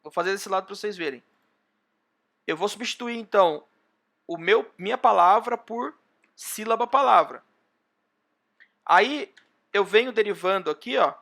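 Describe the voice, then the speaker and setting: Over a video call, a Brazilian university lecturer gives an online class in a high, bright voice with a gravelly edge and a Brazilian Portuguese accent. Expressive and moderately paced, he pauses often while going through the example step by step, pointing things out with "ó".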